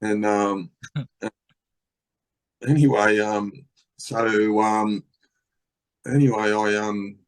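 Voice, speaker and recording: A man's voice: on the low side, fairly even intonation, extremely slow, pauses often, smooth. A middle-aged Australian man telling stories as a podcast guest, rambling, swearing a lot, with many fillers. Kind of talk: casual storytelling.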